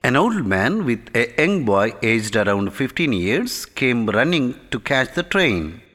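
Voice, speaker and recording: A man reading an English lesson aloud to children in a slow, clear, instructive way. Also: mid-range voice, very animated, fairly bright tone. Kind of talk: scripted lesson narration. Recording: long hall reverb.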